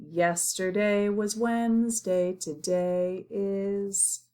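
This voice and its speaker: A woman speaking like a kindergarten teacher leading young children through a lesson, encouraging them in simple, repeated phrases and pausing for answers. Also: medium pitch, little pitch movement, dark tone.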